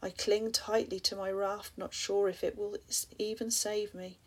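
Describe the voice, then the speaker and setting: A woman reads rhyming verse aloud in a husky voice that often sinks into a breathy half-whisper. Her tone stays level and flat, with a gravelly edge of vocal fry. Now and then she turns to ask the listener quiet questions. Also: mid-range voice, moderate pace. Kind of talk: spoken-word poetry reading.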